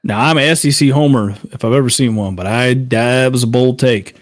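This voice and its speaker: A man's voice: medium pitch, brisk, no echo, studio quality. A man co-hosting a live college football reaction show, reading out scores and viewer comments as he argues. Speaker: co-host.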